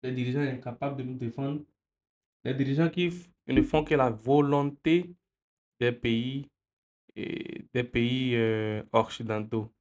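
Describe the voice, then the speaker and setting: A man's voice: mid-range voice, unhurried, darkish tone. A man from Benin, giving an impassioned political commentary full of repeated phrases and rhetorical questions. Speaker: video commentator.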